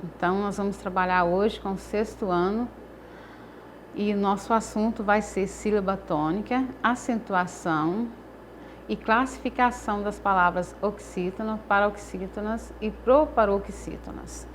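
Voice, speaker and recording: A Brazilian woman teaching a Portuguese class. She speaks slowly, stresses each syllable and repeats her phrases. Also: mid-range voice, a little hiss or hum. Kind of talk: recorded class lesson.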